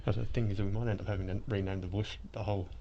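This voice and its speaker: A man's voice: lowish voice, steady tone, very fast, gravelly. A toothless Australian man chatting casually as a podcast host through a face mask, explaining things in a rambling way. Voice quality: toothless, soft-edged speech. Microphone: speaking through a face mask. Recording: dull lo-fi sound.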